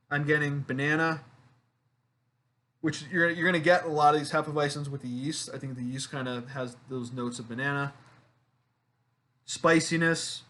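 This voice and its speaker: A man's voice: on the high side, bright, forceful tone. A man hosting his own beer review channel, chatting casually to the camera with fillers and self-deprecating asides.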